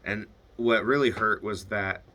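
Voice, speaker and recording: A young man speaks to his video diary in a low but bright, forward voice. He talks haltingly, restarting sentences, retelling a phone call line by line. He swears when it gets to him. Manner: hesitant, restarts often, swears when upset; retells phone calls, quoting both sides. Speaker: video diarist. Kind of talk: casual confessional monologue.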